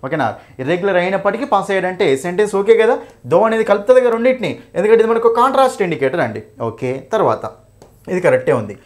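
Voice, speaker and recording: A young man with a Telugu accent teaching an English grammar revision class. He explains each answer option in detail, keeps checking "okay?" and "right?", calls his students "nanna", and reads the English example sentences slowly. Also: high voice, big pitch swings. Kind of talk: exam revision lesson.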